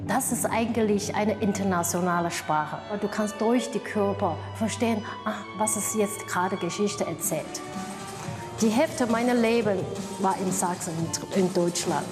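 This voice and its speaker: A woman from Taiwan, a dance artist answering in an interview, halting with many pauses and fillers. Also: mid-range voice, music in the background.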